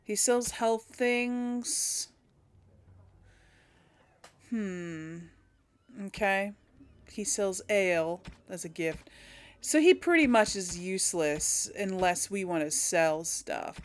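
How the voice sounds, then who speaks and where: Speaking slowly and in an animated way, this woman has a fairly low voice. As a streamer role-playing a video game for her audience, she muses aloud with hesitation and keeps her commentary casual.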